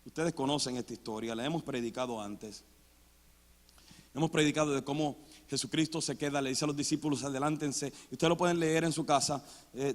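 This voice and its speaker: A man preaching a sermon in a church, with sudden loud dramatic outbursts. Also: fairly high pitch. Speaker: pastor. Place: church sanctuary. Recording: long church hall reverb.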